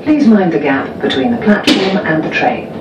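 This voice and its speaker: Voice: mid-range voice, normal speed, echoey room, far from the mic. Spliced-together train announcement voice. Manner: even, formal announcing. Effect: pre-recorded announcement spliced from separate clips. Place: onboard a moving train. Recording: muffled tannoy in a noisy train carriage.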